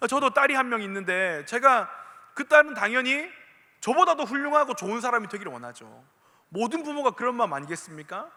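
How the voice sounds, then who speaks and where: Man, Gyeongsang accent, pastor, sermon, high bright voice, echoey church hall. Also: a little fast. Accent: Gyeongsang dialect. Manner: animated, asks the listeners many questions. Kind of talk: sermon to a youth congregation.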